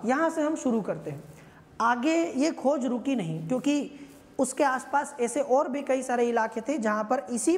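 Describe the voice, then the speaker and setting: A woman's voice: high voice, long reverb tail. A woman teaching an exam-prep history lecture, conversational and often checking in with her listeners.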